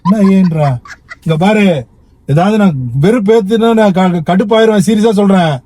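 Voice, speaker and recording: A man's voice: sits high, normal speed, noisy background. A man caught in a car prank, exasperated and pleading to be let out. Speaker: taxi passenger and prank target. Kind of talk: unscripted argument. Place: inside a car.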